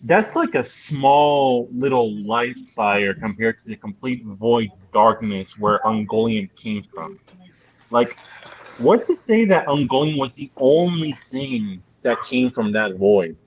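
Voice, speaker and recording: An excitable man talks over a video call at an ordinary middle pitch. He rambles from idea to idea and swears casually in a relaxed group discussion. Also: slow pace, poor audio. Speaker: panelist.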